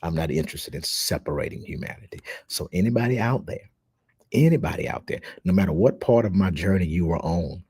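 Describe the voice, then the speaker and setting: A man's voice: low-pitched, animated, a little fast, warm tone, slightly rough, no room sound. A man talking to his followers in a casual, emphatic monologue, with plenty of fillers. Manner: emphatic, indignant, with frequent fillers. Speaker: social media host.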